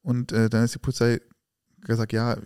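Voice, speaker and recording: A man talks fast and keeps acting out everyone's lines as he retells what happened. His voice is dark and mellow, and the recording is close and dry. It sounds like a casual podcast chat. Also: mid-range voice, smooth, dry recording. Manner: animated retelling that acts out quoted dialogue. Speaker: podcast co-host. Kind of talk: casual conversation and storytelling.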